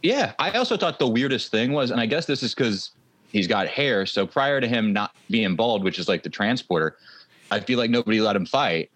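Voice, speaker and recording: A man's voice: fairly low pitch, fairly quick, dry recording. A man co-hosting a podcast in casual chat, telling scenes with laughs. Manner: animated storyteller, laughs often. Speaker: podcast co-host.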